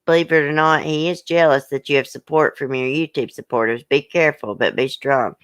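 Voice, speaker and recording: A YouTube channel host, upset and hurt, vents bluntly during a livestream and reads viewer comments aloud, her speech casual, emotional, colloquial, and full of swearing. Her voice is low-pitched, clear, and resonant, a little fast, with no room sound.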